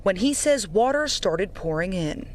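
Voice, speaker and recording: A woman reports for television news with a mid-pitched voice and the measured phrasing of scripted narration. There is faint noise behind her from the location. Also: animated.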